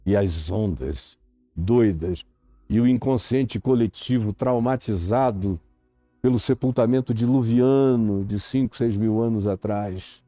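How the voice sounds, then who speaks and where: A Brazilian man preaching a sermon with an accent from Brazil, swinging from loud urgent pleas to low grave tones. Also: dry recording. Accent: Brazilian Portuguese.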